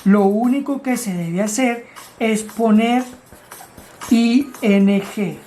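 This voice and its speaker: A woman's voice: on the high side, takes it slowly, mellow, slight background noise. A woman teaching grammar, explaining rules step by step in a patient way and asking her students questions. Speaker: English teacher.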